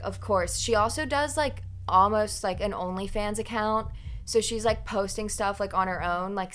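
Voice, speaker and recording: A woman's voice: mid-range voice, fairly bright tone, a little hiss or hum. A young woman chatting casually in a book review, retelling things in an informal, rambling, gossipy way.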